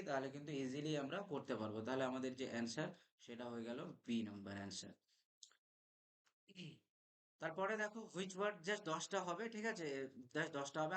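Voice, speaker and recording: A young man, teaching an exam revision lesson, explaining step by step and spelling words out letter by letter. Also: fairly high pitch.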